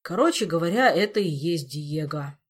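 A woman's voice: on the low side, lively intonation, moderate pace. A woman reading an audiobook, voicing a gloomy young prince who speaks bluntly and grumbles.

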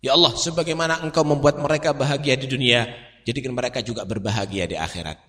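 A man's voice: mid-range voice, fast. A man preaching a sermon in with a tinge, telling stories and throwing out rhetorical questions. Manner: animated storytelling, rhetorical questions. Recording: long hall reverb.

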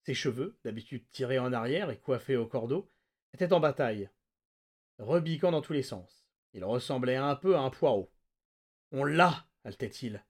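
A man hosting a podcast, reading a novel aloud with lively, dramatic narration. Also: medium pitch, normal speed. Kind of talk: expressive read-aloud narration.

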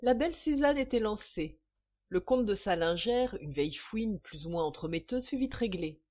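A woman's voice: medium pitch, expressive, moderate pace, darkish tone. Woman narrating a novel aloud. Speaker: reader. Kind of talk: audiobook narration.

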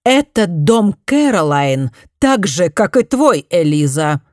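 Woman doing a prim disapproving lady of the house, slow and stern, storybook reading, dry. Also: lowish voice, animated, darkish tone, no echo, close to an everyday voice. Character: stern aristocratic middle-aged mother, prim and disapproving.

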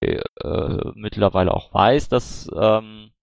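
A man with a low, gravelly voice answers questions as a candidate in an online call. He speaks haltingly, restarting sentences and filling pauses. The sound is dry and close, with no room around it. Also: fairly even intonation, no room sound. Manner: hesitant, many fillers and restarts. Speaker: candidate for party board. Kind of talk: online Q&A, casual spoken answers.

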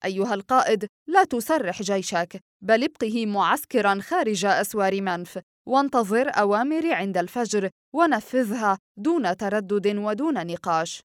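A woman's voice: mid-range voice, expressive, moderate pace, no room sound, clean studio sound, natural voice. A woman voicing a young crown prince giving firm, urgent orders to his commander, in an audiobook reading. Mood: commanding.

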